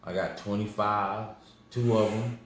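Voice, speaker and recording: This man in his 40s, a guest in a casual interview, recounts his life with plenty of rambling and repeated words, taking pride in his family. He speaks unhurriedly in a lowish, steady tone, and the room is very echoey with a faint hum of noise.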